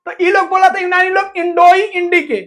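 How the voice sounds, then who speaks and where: A woman's voice: very high-pitched, flat delivery, normal speed, a bit bright. A woman teacher explaining a school lesson, asking questions and answering them herself with lots of repetition. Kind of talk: classroom lesson explaining to students.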